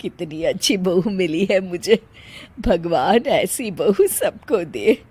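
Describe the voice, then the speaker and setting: A woman's voice: lowish voice, expressive, slow, mellow, slightly rough, heavily acted. A woman voicing a stern older mother-in-law in a cartoon story who scolds in a raised voice. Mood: fond.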